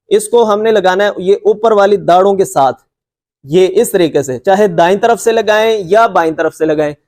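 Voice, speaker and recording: A man teaching Quran recitation in a lecture, patiently repeating points and stretching out letter sounds to demonstrate them, with a reassuring tone. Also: high voice. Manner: reassuring and encouraging. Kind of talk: classroom lecture with slides.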